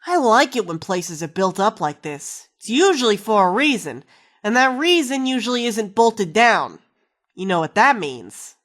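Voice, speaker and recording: Very animated, sarcastic woman wasteland companion. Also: medium pitch, normal speed. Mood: wry, exasperated. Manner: sarcastic, irreverent, slangy. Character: wisecracking, foul-mouthed, jumpy woman companion in power armor. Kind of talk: video game companion dialogue.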